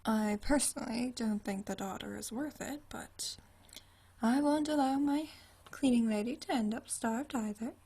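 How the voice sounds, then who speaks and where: A woman voices an ageless vampire lady in an intimate, one-sided ASMR roleplay, using a soft, mellow voice pitched a little high and a very husky, whispery hush. At a moderate pace she sounds languid and amused, teasing with dry wit and genteel turns of phrase.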